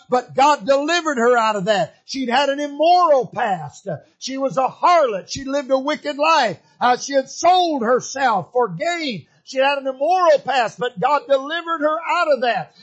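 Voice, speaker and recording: A man preaching a sermon, repeating his phrases for emphasis and building to fervent shouts. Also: extremely high pitch, lo-fi sound.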